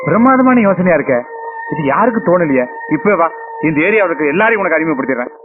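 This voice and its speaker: A man's voice: on the high side, expressive, rapid-fire, lightly acted. An actor playing a fatherly man who reassures and encourages a younger man. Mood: delighted. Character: kindly older patron. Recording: phone-like band with film music.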